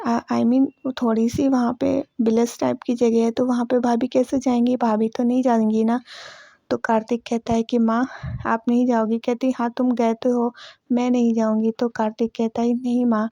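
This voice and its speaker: In a close-miked voice-over with no room sound, a woman with a fairly high, warm voice and vocal fry chats through a casual recap of a TV serial episode. She talkatively retells who said what, repeating "she says" and "okay".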